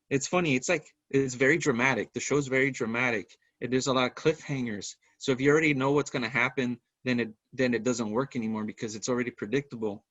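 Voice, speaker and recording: A man hosting a podcast, telling stories in a lively, casual way and swearing freely. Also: medium pitch, dry recording, highs cut off. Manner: animated storyteller, swears freely. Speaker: podcast host. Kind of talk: casual chat.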